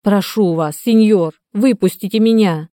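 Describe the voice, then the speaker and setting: Woman doing a desperate man begging, loud and urgent, warm dry voice. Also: medium pitch, a little slow, no room sound, lightly acted. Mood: pleading. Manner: pleading, raised and urgent. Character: desperate man pleading through bars.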